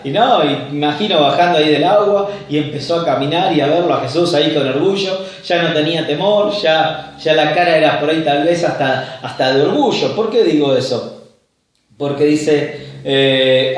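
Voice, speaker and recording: A man pastor with a Rioplatense Spanish accent preaching a sermon in a conversational way, often checking in with his listeners. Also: fairly high pitch. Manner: conversational preaching, tag questions after points. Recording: echoey room, mic far off.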